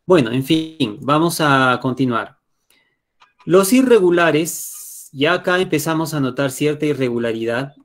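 A man's voice: on the high side, lively intonation, a little slow, fairly bright tone. A man with a Peruvian Spanish accent teaching an online class. He explains patiently and keeps checking in with his students. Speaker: English teacher.

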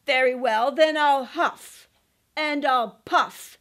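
A woman voicing a menacing, sly male wolf who draws out his threats slowly and loudly. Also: sits high. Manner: loud, slow, drawn-out threats.

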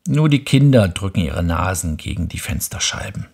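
A man voicing a weary, matter-of-fact adult railway switchman in a hushed bedtime reading. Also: low-pitched, very animated, normal speed, gravelly, slightly rough, full character voice.

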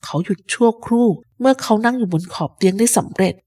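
A woman reading a classic adventure story aloud in the first person, with steady narration. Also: on the high side, fast talker. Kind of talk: scripted narration.

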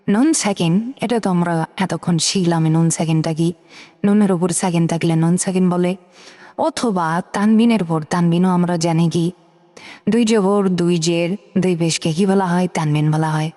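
Mellow-voiced woman teaching Quran reading. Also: on the low side, in a large hall. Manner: slow, drawn-out spelling of letters and vowel marks; asks questions and answers them herself. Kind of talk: step-by-step spelling lesson.

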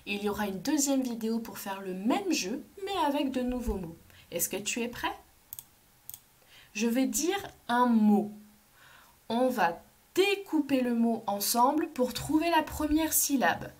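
A woman teacher, leading a phonics lesson for young children, slow and clearly articulated and encouraging. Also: a little high, expressive, a little mellow. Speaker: kindergarten teacher.

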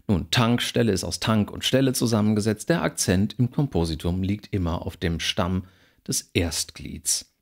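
Measured male lecturer, low voice. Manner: measured, explanatory, slows to spell out example words. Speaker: university lecturer. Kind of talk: recorded academic lecture.

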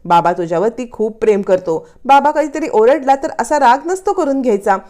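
A woman voicing a stern older grandmother in a drama recap, sharp and defensive. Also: a little high, animated, fairly quick, pitched above the performer's own voice, natural voice.

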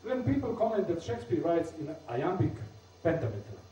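A man's voice: fairly high pitch, big pitch swings, a little fast, dark tone, dull audio, slight background noise. A man giving a university lecture on poetry, explaining step by step with some fillers and restarts, as a non-native speaker from Bosnia. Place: university amphitheater. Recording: very echoey lecture hall, distant mic.

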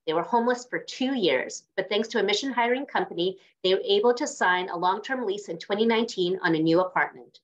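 A woman podcast host who reads a guest introduction and asks encouraging questions over a video call. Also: mid-range voice. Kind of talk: reading an intro, then interviewing. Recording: dull lo-fi video call audio.

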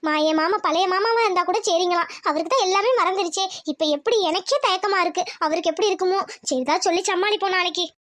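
Woman doing a meek cartoon young wife, very high squeaky voice, pleading. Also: fast talker, few pauses, fairly bright tone. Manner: pleading, anxious.

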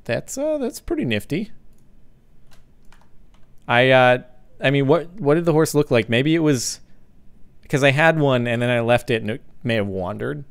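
A man's voice: medium pitch, big pitch swings, normal speed, pauses often, clear, resonant tone. A young man hosting a casual Minecraft gaming chat, laid-back with dry sarcastic quips. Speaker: host, Minecraft player.

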